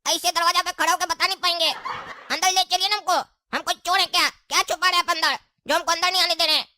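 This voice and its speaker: A woman's voice: very high voice, fairly even intonation, fast talker, pushed and bright, no echo, studio quality, full character voice. Woman playing a cheeky, whiny kid. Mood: nosy. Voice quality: whiny, cheeky back-talk. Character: cheeky lazy grown child of the house. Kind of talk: comedy skit acting.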